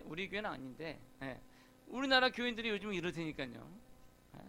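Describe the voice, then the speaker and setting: A man's voice: high voice, gravelly, fairly bright tone. A male pastor preaching a sermon in a church, talking conversationally and often calling out to the congregation. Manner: conversational preaching with frequent call-outs to the congregation. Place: church sanctuary.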